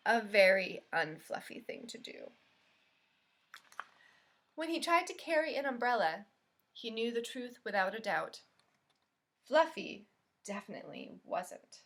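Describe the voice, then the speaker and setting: Speaking in a mid-range voice, a woman reads from a picture book to small children as a library storyteller. Her reading is expressive, punctuated by pauses where she asks them questions.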